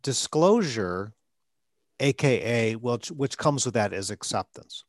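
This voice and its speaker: This male stuttering coach hosts a podcast, talking slowly with lively intonation at a medium pitch. His conversational coaching comes in brief phrases with the odd stutter block, and the studio-quality audio has no echo.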